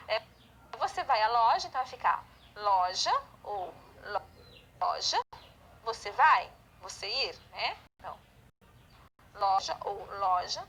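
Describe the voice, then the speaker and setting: Brazilian lady teacher, high voice, keeps asking tá? né?, bit of faint noise behind. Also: sharp tone, low-quality recording. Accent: Brazilian Portuguese. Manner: explanatory, frequent checking tags like "tá?" and "né?". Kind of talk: online class lecture.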